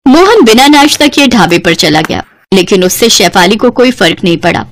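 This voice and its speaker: A woman narrating a scripted cartoon moral story in an expressive, dramatic way. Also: mid-range voice, normal speed.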